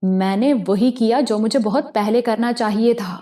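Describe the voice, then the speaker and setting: A woman voicing a desperate young woman in a criminal gang, tearful and near breaking, who turns to frantic shouting. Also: fairly high pitch, lightly acted. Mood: dazed. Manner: tearful, then screaming in a frenzy.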